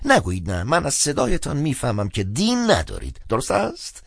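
A man's voice: wildly swooping pitch, gravelly, fairly bright tone, slightly rough, no echo, exaggerated voice. A man voicing a garrulous old male theologian servant who lectures and chuckles slyly, in a dry studio narration. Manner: lecturing, chuckling, speaks with raised pitch.

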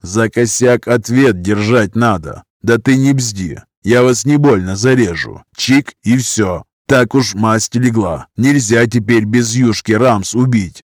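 A man's voice: lowish voice, takes it slowly, few pauses, dry recording, clean studio sound. A man voicing a huge, scarred criminal who drawls threats in thieves' slang. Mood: menacing.

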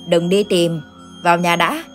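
A woman's voice: fairly low pitch, a little slow, faint music behind, lightly acted. A woman doing a stern, commanding old village woman. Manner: firm, curt, authoritative.

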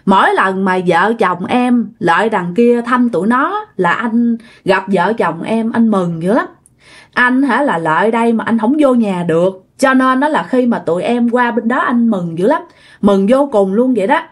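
A woman voicing the kindly ghost of an old man, speaking softly and reassuringly. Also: on the high side, lively intonation, normal speed. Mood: gentle. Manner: soft, reassuring.

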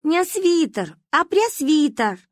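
A woman's voice: high voice, sing-song, a bit bright, no echo, clean studio sound, pitched above the performer's own voice, exaggerated voice. A woman doing a prim, stern little village girl. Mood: indignant. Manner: prim, offended, slow drawl.

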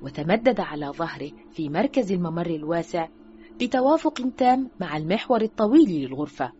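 A woman narrating a thriller audiobook in an expressive, scripted reading style, letting her voice drop low and quiet at the ends of sentences. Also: brisk. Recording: dull lo-fi recording with faint music.

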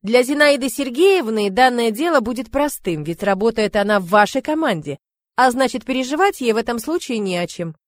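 A woman's voice: a little high, lively intonation, fairly quick, no echo, clean studio sound, natural voice. A woman reading aloud, voicing a stern older male department chief who lectures his son and subordinates.

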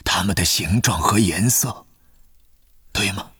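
A man voicing a calm, gentle elderly headmaster wizard in an audiobook, soft and measured. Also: deep voice, slightly rough, no room sound, clean studio sound, full character voice. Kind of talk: audiobook character voice.

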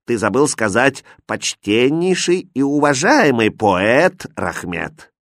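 A man's voice: mid-range voice, very animated, moderate pace, a bit bright, breathy edge, no echo, studio quality. A man voicing a pompous, foolish self-styled poet, who speaks in a self-important, drawling way in a storybook reading. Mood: haughty.

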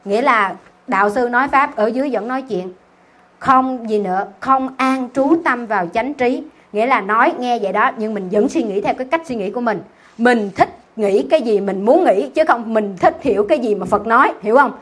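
A woman teaching a Buddhist sutra class, asking her listeners questions and answering them herself in a teasing, lively way. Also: fairly high pitch, brisk. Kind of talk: dharma talk with questions to the class.

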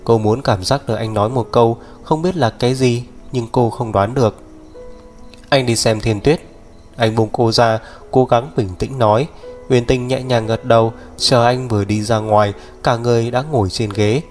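A man narrating an audiobook in a mid-range voice. He reads steadily and evenly. Soft music plays faintly under his voice. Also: mid-range voice, fairly even intonation, normal speed. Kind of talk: scripted narration.

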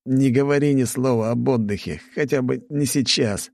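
A man's voice: medium pitch, normal speed, vocal fry, darkish tone, voice pushed up, lightly acted. A man voicing an exhausted, irritable guardsman who sounds strained, pleading and snappish. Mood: weary.

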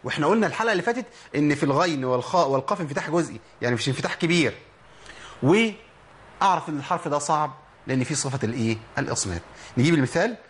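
A man's voice: on the high side, animated, rapid-fire. A man with an Egyptian accent teaching tajweed, asking himself questions and then answering them, and demonstrating letter sounds. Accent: Egyptian Arabic. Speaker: Quran recitation teacher. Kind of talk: tajweed lesson.

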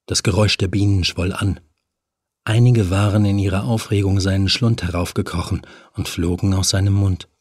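A man narrating a horror audiobook in a measured, even storytelling manner. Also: deep voice, slightly rough, no room sound, clean studio sound.

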